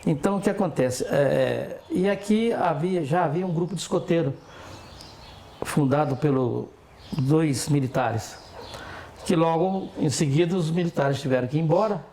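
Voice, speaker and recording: A man's voice: fairly high pitch, normal speed, dark tone. A man with a Brazilian accent reminiscing casually as an interview guest, often checking in with short tag questions. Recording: faint background noise.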